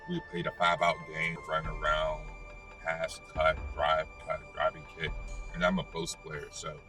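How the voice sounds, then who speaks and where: American man, very low voice, casual vlog storytelling, halting delivery, clear music bed behind. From United States. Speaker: vlogger and former basketball player. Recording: distant mic, music behind.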